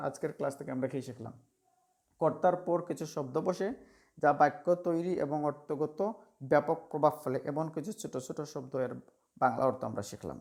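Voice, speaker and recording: A man's voice: fairly high pitch, darkish tone. A man teaching an English class over slides. He drills word lists aloud and rambles with fillers and restarts. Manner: rambling, with fillers and self-corrections. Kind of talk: spoken lesson over slides.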